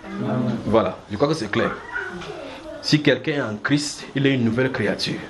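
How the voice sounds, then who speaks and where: A man from Cameroon preaching a sermon to a congregation, lively, acting out small scenes and chuckling as he teaches. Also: normal speed, noisy background. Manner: lively, acts out little scenes with shifting pitch, chuckles while preaching.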